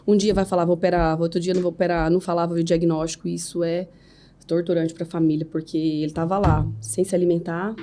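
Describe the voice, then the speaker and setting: A Brazilian woman in her thirties speaks as a podcast guest, giving an earnest, faith-filled personal testimony. Her voice sits a little low and sounds soft and warm. She keeps checking in with the listener as she talks. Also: flat delivery, fairly quick, faint music behind. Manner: earnest, faith-filled storytelling with frequent "né?" tags.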